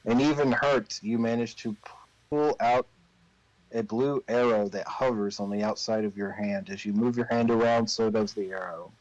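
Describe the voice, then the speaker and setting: A man narrating a tabletop game as game master, improvising the story in a deliberate, pausing way. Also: lowish voice, fairly even intonation, a little mellow, dry recording, muffled recording.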